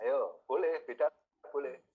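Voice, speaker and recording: A husky-voiced man lectures a class, repeating key words and turning to his students with questions. The recording sounds dull and lo-fi. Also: mid-range voice, a little slow. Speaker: university lecturer.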